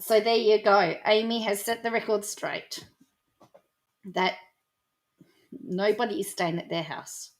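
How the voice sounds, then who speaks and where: A woman's voice: mid-range voice, unhurried, pauses often. An Australian woman vlogger giving casual commentary, thinking aloud with fillers as she goes through posts.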